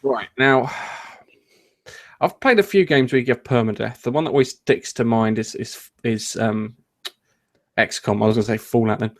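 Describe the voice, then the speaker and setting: A man runs a casual gaming podcast in a relaxed, rambling way. He jokes about himself and trips over his phrases. His voice sits at an ordinary middle pitch. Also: normal speed. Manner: rambling, jokey, frequent ums and restarts. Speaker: podcast host.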